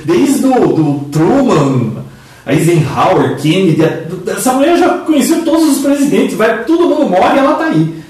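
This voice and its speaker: A man chatting casually about technology, explaining things at length with a lively, rising delivery. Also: moderate pace. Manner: explanatory, lively pitch swings. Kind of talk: casual tech chat. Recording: echoey room, voice from a distance.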